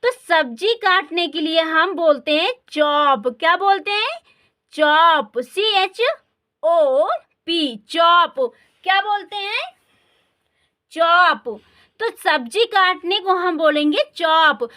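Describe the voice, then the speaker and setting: A woman's voice: very high voice, slow, pushed and bright. A woman with an Indian accent teaching spoken English, a native Hindi speaker who repeats words and keeps asking the listener questions. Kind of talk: classroom-style language lesson.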